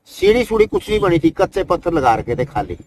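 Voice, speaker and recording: Older male yogi, raised pitch, casual rambling anecdotes, noisy background recording. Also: wildly swooping pitch, fairly quick. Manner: rambling, folksy, tag questions like "isn't it". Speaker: Himalayan yogi. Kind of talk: conversational life-story telling.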